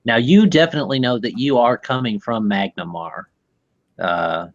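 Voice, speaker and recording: Running a tabletop game, a game master talks loosely, stumbling and fixing his words as he goes. His voice is medium in pitch, and the recording has its high frequencies cut off.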